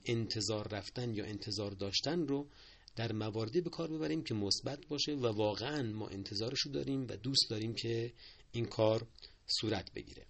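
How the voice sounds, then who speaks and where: A man with a gravelly, creaky voice teaches correct usage in a steady, explanatory way. He repeats key points and keeps asking his listeners to pay close attention. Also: on the low side. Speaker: Persian language teacher. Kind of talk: spoken lesson on correct usage.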